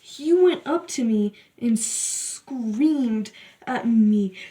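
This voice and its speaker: A young woman tells a storytime vlog about her ex in a blunt, sassy way, swearing casually. Her voice sits fairly high and she takes her time, drawing out the telling. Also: lively intonation, drawn-out words, mellow, echoey room, far from the mic. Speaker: vlogger. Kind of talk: storytime monologue.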